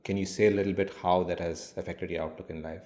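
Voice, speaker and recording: A man hosting a podcast interview with a very low voice. He asks questions attentively and murmurs along as the guest speaks. The recording has a roomy echo. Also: little pitch movement, fast talker. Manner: attentive, frequent quiet backchannel murmurs.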